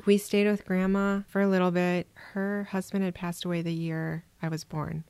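A woman from Minnesota, a guest on an interview podcast, telling her personal story in a reflective, soft-spoken way. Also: fairly low pitch, flat delivery, normal speed, clean tone, dry recording. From Minnesota, USA. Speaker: guest adoptee.

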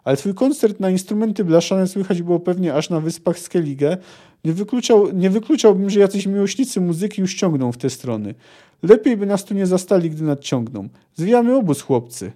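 A man reading aloud and voicing a gruff, bossy male dwarf leader who shouts commands and curses. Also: high-pitched, animated, a little fast, pitched above the performer's own voice. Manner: loud, cursing commands.

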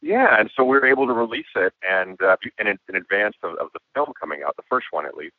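A man with a hoarse voice, a guest musician and filmmaker talking reflectively in a casual interview. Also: on the low side, big pitch swings, quick pace, no echo. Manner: reflective, with frequent restarts and laughs. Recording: tinny phone-like line.

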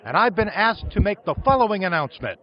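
Lively high-pitched male ring announcer. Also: fast talker, dull audio.

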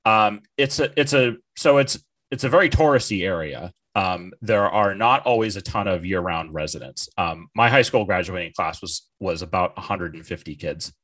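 A man's voice: low voice, moderate pace, a bit bright. A man in his thirties from New Hampshire, chatting on a podcast, rambling and repeating words as he thinks. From northern New Hampshire, USA. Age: 30s. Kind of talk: casual podcast chat.

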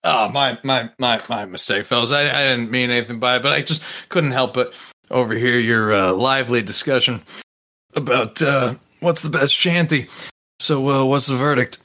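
A man's voice: mid-range voice, moderate pace, sharp tone, lightly acted. A man voicing a reckless rogue who stammers out a false apology in a tabletop game. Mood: ingratiating. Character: reckless young male rogue, feigning innocence.

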